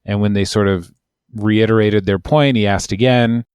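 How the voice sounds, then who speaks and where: A man's voice: lowish voice, fairly even intonation, normal speed, a little mellow, smooth, no room sound, clean studio sound. A man, an immigration lawyer, telling a long, wry, rambling story in casual podcast chat.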